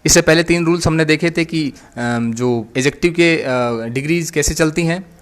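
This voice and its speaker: A man's voice: fairly high pitch, moderate pace. A man giving an English grammar lecture in Hindi, repeating each point and answering his own questions. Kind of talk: recorded online lecture.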